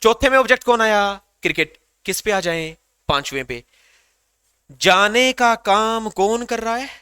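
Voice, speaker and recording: A man's voice: sits high, unhurried, pushed and bright, smooth, dry recording, clean studio sound. A man teaching an English grammar class to students, asking questions and repeating the answers back.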